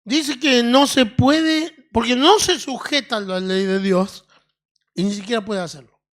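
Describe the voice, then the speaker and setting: A woman with an Argentine accent preaching a sermon in a deliberate teaching tone, often checking in with her listeners. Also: a little high. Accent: Argentine Spanish. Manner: deliberate, teaching tone with frequent questioning "mm?" tags.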